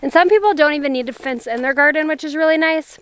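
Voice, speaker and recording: A woman's voice: high voice, quick pace, fairly bright tone. A woman vlogging casually about her garden, chatty and rambling, now and then sighing. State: out of breath. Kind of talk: casual vlog talk to camera. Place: garage, storm outside.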